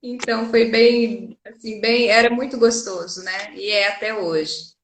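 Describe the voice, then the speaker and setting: A woman teacher speaks with a Brazilian Portuguese accent, slightly higher-pitched than most. She explains earnestly, piling up examples and tag questions. The room around her rings with echo. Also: steady tone, unhurried, a little hiss or hum. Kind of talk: interview conversation. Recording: echoey room.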